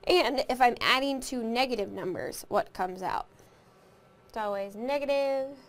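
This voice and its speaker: A woman's voice: on the high side, measured pace. A woman teaching a recorded math lesson, explaining step by step, counting aloud and asking the class questions.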